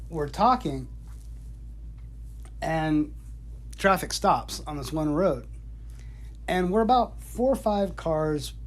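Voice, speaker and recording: A man's voice: mid-range voice, darkish tone, a little hiss or hum. Profane rambling middle-aged storyteller man. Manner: profane, rambling, laughs often. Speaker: father telling stories to his son. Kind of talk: casual storytelling chat. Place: home in North Georgia. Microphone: iPhone.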